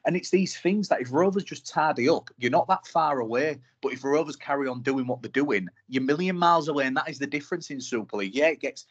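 A man, co-hosting a casual rugby league podcast, talking in an animated, frustrated fan's way. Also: on the high side, fast talker, few pauses, slightly rough, lo-fi sound. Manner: animated, frustrated fan talk. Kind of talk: casual sports chat.

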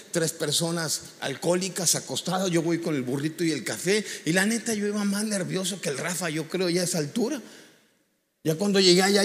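A man's voice: high voice, in a large hall. A man, a pastor preaching by telling a story with colloquial asides. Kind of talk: storytelling sermon.

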